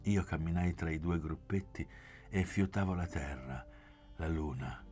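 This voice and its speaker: A man reading a literary audiobook in a measured, hushed narration. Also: very deep voice, soft background music. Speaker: audiobook reader.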